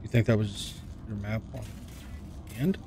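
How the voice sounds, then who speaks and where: A gaming streamer in his thirties, voice on the low side and at normal speed, thinks aloud in casual, laid-back let's-play commentary, often muttering to himself. He's in a small room at home, with faint game noise behind him.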